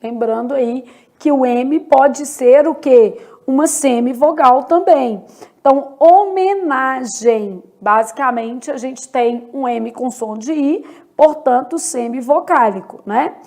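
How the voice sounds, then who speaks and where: A high-voiced Brazilian woman teaches a grammar lesson for exam prep. She works at an unhurried pace and lets each point land. She often asks the class a question and answers it herself. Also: gravelly, darkish tone. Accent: Brazilian Portuguese. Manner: slow and deliberate, asks and answers own questions. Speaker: Portuguese teacher.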